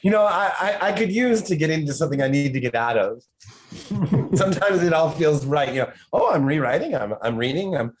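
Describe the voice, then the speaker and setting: A man's voice: a little high, lively intonation, a little fast, poor audio. A man who writes horror, a podcast guest talking in casual chat, rambling and restarting his sentences often.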